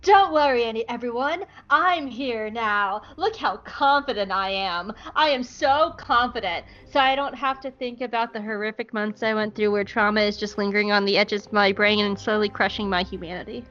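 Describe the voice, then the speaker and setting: A woman voicing an overconfident young male clone soldier, read flat and deadpan, on dull muffled audio. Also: a little high, moderate pace, few pauses, lightly acted. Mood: mock confident.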